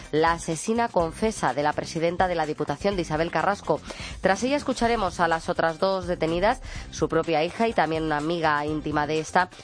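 A woman presenting a radio news roundup in a brisk manner, with chatty asides to her co-host. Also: fairly low pitch.

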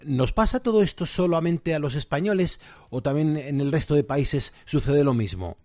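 A man's voice: on the high side, animated, moderate pace, a little mellow, no echo. A man, interviewing a guest in a conversational, reflective way. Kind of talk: interview questions.

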